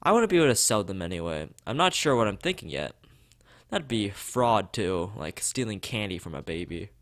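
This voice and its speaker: A let's play streamer with a fairly low voice reads a visual novel aloud, his pitch swinging animatedly as he moves between narration, character lines, and casual asides. He occasionally stumbles over a word and carries on casually. He speaks at a moderate pace, and the recording is studio quality with no echo.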